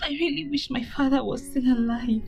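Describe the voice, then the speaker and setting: An actress playing a young bride-to-be, soft and wistful. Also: female voice, mid-range voice, unhurried, soft background music, close to an everyday voice, poor audio. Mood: sad. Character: young bride-to-be, anxious and tearful. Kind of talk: film acting.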